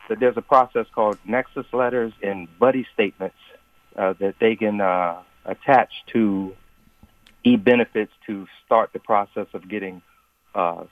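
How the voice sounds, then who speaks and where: A retired Marine calls in to a talk show, heard over the phone. He speaks haltingly, with fillers and restarts, at an ordinary pitch. The line is tinny and sounds far off, with a dry, close sound and no room around it. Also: no echo. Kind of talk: call-in question on a radio talk show.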